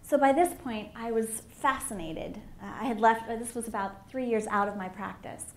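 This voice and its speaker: A middle-aged woman giving a candid, animated personal talk as a conference speaker on a stage microphone. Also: a little high, normal speed. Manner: candid and animated, with emphatic swells. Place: conference hall. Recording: echoey hall with faint room noise.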